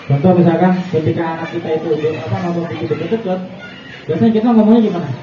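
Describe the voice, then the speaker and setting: A man giving a casual religious talk to parents, chatty and quick to chuckle, often asking the audience questions. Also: on the high side. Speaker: preacher addressing parents. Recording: echoey, distant, dull, noisy room recording.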